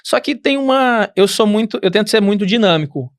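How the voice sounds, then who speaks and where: A man's voice: high-pitched, animated, fairly quick. A man with a Brazilian Portuguese accent, a podcast guest telling a rambling travel story with many restarts. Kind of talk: casual interview.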